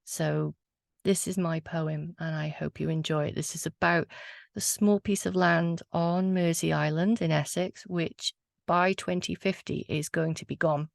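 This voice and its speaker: Low, gravelly woman storyteller. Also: fairly even intonation, a little slow, dry recording, studio quality. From Wales. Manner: reflective, earnest, with hesitant fillers. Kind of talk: casual talk and poetry reading.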